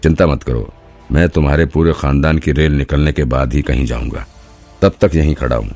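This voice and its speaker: A man's voice: very deep voice, fairly quick, a little mellow, faint music behind. A man voicing a swaggering male detective in an audiobook, taunting his rivals with laughing threats.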